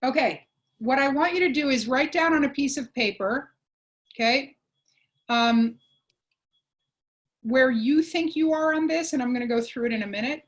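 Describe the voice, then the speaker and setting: Woman presenting a webinar, fairly high voice. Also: moderate pace, long pauses. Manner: explanatory, checks in with frequent "okay?". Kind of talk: online workshop presentation.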